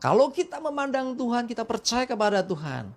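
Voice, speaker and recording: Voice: mid-range voice, sing-song, fairly quick. A pastor from Indonesia leading a morning devotion. The pastor prays, reads scripture aloud and preaches in a conversational way, often adding short "ya" asides. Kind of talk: morning devotional sermon with prayer and Bible reading.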